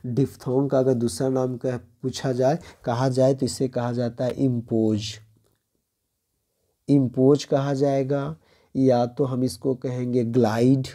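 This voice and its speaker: A man from India teaching an exam-prep phonetics lesson, explaining step by step, reading English lines slowly with an Indian accent and checking in by asking "clear?". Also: medium pitch, little pitch movement, mellow.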